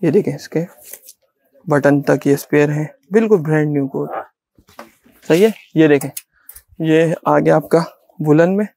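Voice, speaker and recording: A middle-aged man with a Pakistani Urdu accent, a shopkeeper giving a sales pitch in a small clothing shop, repeating himself insistently as he shows coats. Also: measured pace, vocal fry, pauses often, warm tone, no echo, studio quality. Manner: repetitive, insistent salesman patter.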